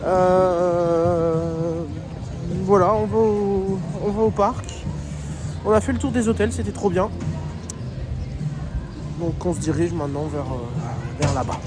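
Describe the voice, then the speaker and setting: This vlogger's voice is high-pitched and fairly even, and he takes it slowly with frequent pauses. Over background music, he films himself on a phone touring a theme park, chatty and enthusiastic, regularly starting phrases over.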